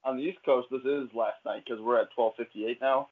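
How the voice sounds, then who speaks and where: A man's voice: medium pitch, fairly even intonation, brisk. A man co-hosting a casual sports podcast, laid-back and filling his talk with frequent uh's. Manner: laid-back, lots of uh fillers. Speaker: podcast co-host. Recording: tinny phone-like line.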